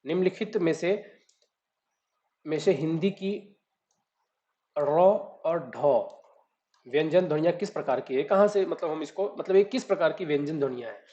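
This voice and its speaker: A man's voice: on the high side, normal speed, pauses often, dark tone. A man tutoring, reading out each exam question and then explaining the answer step by step. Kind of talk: exam solution walkthrough. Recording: dull lo-fi recording.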